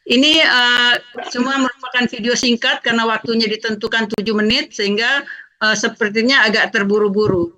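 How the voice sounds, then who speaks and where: A woman on a live radio program, talking quickly and haltingly as she sets up a video. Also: fairly high pitch, steady tone, sharp tone. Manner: quick, halting, with fillers and restarts.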